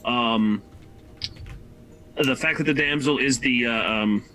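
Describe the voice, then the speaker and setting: A man's voice: medium pitch, slow pace, bright, forceful tone, faint music behind, rough recording. A man co-hosting a casual livestream, talking thoughtfully and hesitantly with plenty of fillers. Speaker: co-host.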